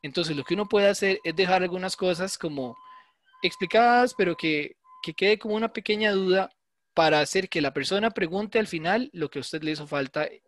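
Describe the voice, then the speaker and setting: Male lecturer, fairly high voice, dry close sound, chatty teaching manner with frequent check-ins. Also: a bit bright, dry recording. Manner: conversational, explains with frequent "¿verdad?" checks. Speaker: university lecturer. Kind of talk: online class lecture.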